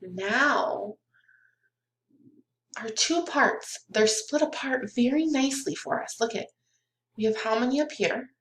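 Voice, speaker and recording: Young female early-years teacher, kids show host delivery: unhurried, encouraging, simple phrasing, echoey room recording. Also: on the high side, slight background noise. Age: young adult. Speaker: kindergarten math teacher. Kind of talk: recorded children's lesson, talking directly to pupils. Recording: roomy, echoey webcam sound.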